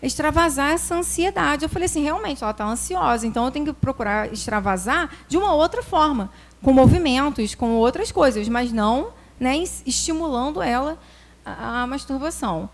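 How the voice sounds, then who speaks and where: A woman, a preschool teacher, telling a personal classroom story in an animated way, acting out quoted voices and using religious phrasing. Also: sits high, a little fast. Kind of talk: personal testimony talk.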